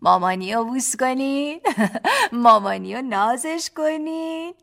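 A woman's voice: high voice, animated, creaky, a bit bright, pitched above the performer's own voice, heavily acted. A woman voicing a playful young husband who talks in a sing-song, childlike way to tease his wife and children. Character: playful young husband using baby talk.

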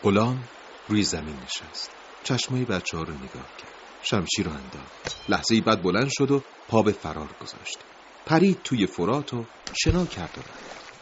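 A man's voice: on the low side, very animated, a little hiss or hum. A man narrating a dramatic story in a grave, emotive voice, in a dull lo-fi recording.

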